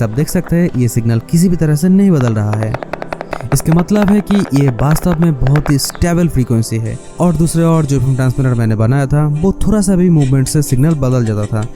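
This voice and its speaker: The host of a DIY electronics tutorial, whose voice is mellow and on the high side, walks viewers through a scripted lesson step by step. He talks to them directly, asks rhetorical questions, and blends English words into his narration.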